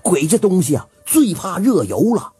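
A man's voice: high voice, very animated, moderate pace, over music. A man voicing a matter-of-fact village carpenter giving folksy advice in a folk tale. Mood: instructing. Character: knowing village carpenter, middle-aged man.

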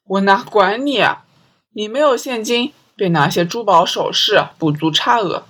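A woman's voice: medium pitch, a little slow, fairly bright tone, voice pushed up. A woman reading an audiobook, voicing a cunning male kidnapper who makes cold, threatening demands.

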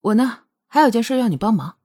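A woman's voice: on the high side, expressive, quick pace, mellow. A woman voicing a cool, scheming young woman. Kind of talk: audiobook character voice.

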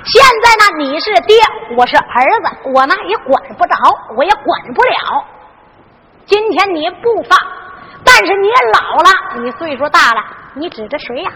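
A woman's voice: extremely high pitch, expressive, sharp tone, big-room sound, full character voice. A woman doing a blustering, foolish young son. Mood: threatening. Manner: coaxing then threatening, drawn-out. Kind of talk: Henan zhuizi ballad-story performance.

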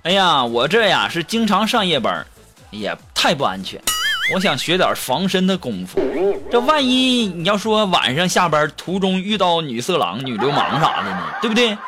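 A man hosting a comedy show, telling jokes in a chatty, playful way with drawn-out endings. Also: on the high side, big pitch swings. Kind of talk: comic storytelling and joke reading. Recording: background music under voice.

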